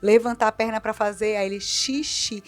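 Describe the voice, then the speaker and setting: Earnest Brazilian woman, animated talk. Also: mid-range voice, fairly quick, soft background music. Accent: Brazilian Portuguese. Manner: earnest and animated, repeats herself for emphasis. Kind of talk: conversational interview.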